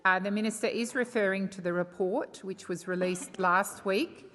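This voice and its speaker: A woman's voice: mid-range voice, steady tone, normal speed, a bit bright. Firm Australian woman chairing, very echoey. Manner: firm, authoritative, repeating names and instructions. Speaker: parliamentary presiding officer. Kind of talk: formal procedural chairing of a debate. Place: large parliamentary chamber. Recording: echoey chamber with long reverb.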